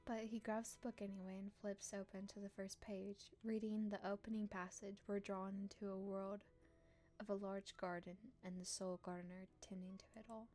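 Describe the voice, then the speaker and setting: Streaming a visual novel, this woman reads the text out loud and responds offhandedly with teasing, expressive playfulness. Her voice is medium-pitched and her pace moderate, with faint music in the background.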